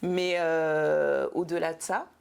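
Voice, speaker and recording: A woman's voice: sits low, fairly even intonation, slow pace, creaky, clear, resonant tone. A woman hosting an interview, asking questions in a friendly way and encouraging her guest with short affirmations. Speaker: interviewer, host. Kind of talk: casual interview.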